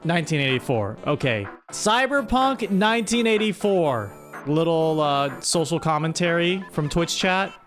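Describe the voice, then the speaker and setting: This streamer has a deep, expressive voice and a measured delivery. Hosting a laid-back livestream over music, she reads a story aloud and reacts to it in a teasing, mock-dramatic way.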